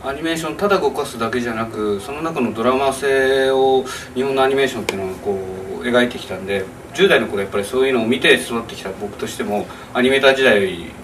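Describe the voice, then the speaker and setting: A man in his forties, an animation director, answering interview questions thoughtfully with many pauses and fillers in a small press room. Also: medium pitch, fairly bright tone. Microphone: camera across the room. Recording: distant camera mic, faint noise.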